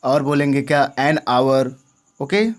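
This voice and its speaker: Speaking at a measured pace in a level, mid-range voice, a man gives a classroom-style English grammar lesson. He frequently checks the viewer's understanding by asking them questions.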